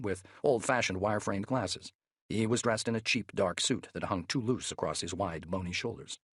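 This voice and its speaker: A man narrating a thriller audiobook in a measured, steady way, close to the mic. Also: fairly low pitch, husky, no room sound.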